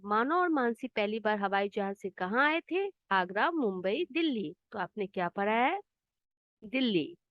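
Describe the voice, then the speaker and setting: A woman's voice: on the high side, no echo. Patient woman teaching a children's lesson. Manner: patient, explains words in English. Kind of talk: children's Hindi lesson, explaining answers. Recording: dull, slightly muffled dry sound.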